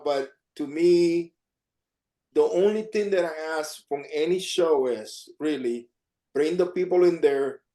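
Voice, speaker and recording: Male artist, casual rambling talk, slightly high voice, video call audio. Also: dark tone. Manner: rambling, repeats himself. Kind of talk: casual chat.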